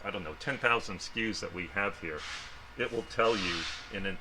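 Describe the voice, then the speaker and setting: Middle-aged guy doing a casual warehouse tour in a mask, lowish voice, lots of background noise. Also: a little fast, bright, forceful tone. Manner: speaking through a face mask. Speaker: company representative giving a warehouse tour. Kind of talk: informal guided tour. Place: large indoor warehouse. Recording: noisy warehouse ambience.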